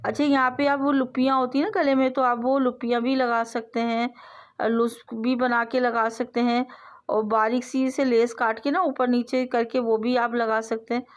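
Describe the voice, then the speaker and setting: A woman with a slightly high voice hosts a sewing tutorial, speaking as a voice-over. She explains every step patiently and repeats her phrases. She often lets her voice fade softly as she finishes a step. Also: flat delivery, normal speed. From South Asia. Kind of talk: instructional voice-over.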